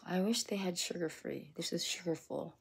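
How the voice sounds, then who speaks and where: A woman's voice: on the low side, moderate pace, gravelly, slightly rough. A woman vlogger whispering casually while chewing gum as she talks.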